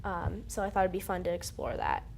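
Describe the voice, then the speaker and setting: A woman's voice: lowish voice, steady tone, brisk, vocal fry, darkish tone, a little hiss or hum. A teenage girl, a student filmmaker, chatting in an interview with many fillers. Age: teens. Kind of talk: casual interview.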